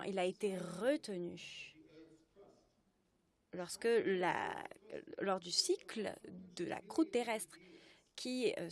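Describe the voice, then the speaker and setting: A woman delivers a live interpretation of a lecture at a middle pitch. Her phrasing is halting, and she corrects herself in mid-sentence as she follows the speaker. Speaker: simultaneous interpreter.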